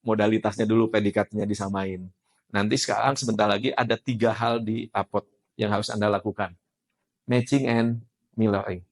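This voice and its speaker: A man, teaching a class as an NLP trainer in a lively style and often putting questions to the room. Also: on the low side, normal speed. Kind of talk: classroom lecture.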